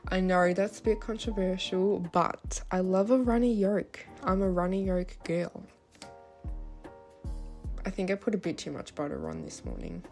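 Over background music, a young woman's chatty vlog voice-over describes her daily routine. Her voice is medium-pitched and a little mellow, at a normal speed, and her lisp gives her s sounds a slushy quality.

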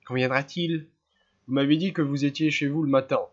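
A man's voice: on the high side, fairly even intonation, fairly quick, close to an everyday voice. A man reading as a weary police commissioner. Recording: slightly dull lo-fi sound.

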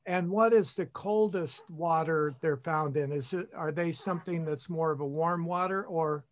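A man's voice: on the high side, moderate pace. A man in the audience asking hesitant questions over a video call.

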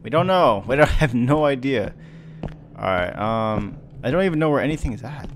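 A man's voice: medium pitch, animated, normal speed, slight background noise. A young man as a scared horror game streamer, giving casual, jumpy commentary with panicky repeated exclamations and swearing. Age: young adult. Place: home bedroom, indoors. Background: game music.

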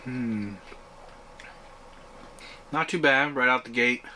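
An easygoing man talks through his evening on a pontoon boat, chatting loosely and pausing on filler words. His voice sits in an ordinary middle pitch. A faint outdoor hiss runs under the recording. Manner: relaxed, chatty, many "uh" fillers. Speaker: outdoor vlogger. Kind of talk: casual camping vlog talk.

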